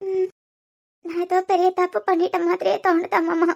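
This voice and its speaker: A woman voicing a tearful young wife in a cartoon series, pleading softly with a Kanyakumari accent. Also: very high voice, level tone, normal speed, creaky, highs cut off. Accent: Kanyakumari Tamil. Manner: pleading, sniffling. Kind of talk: cartoon web series voice acting.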